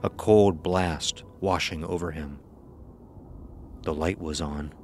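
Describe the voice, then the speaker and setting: A man narrates a scripted horror story in a low, slow, slightly mellow voice. Music plays behind him, along with slight background noise.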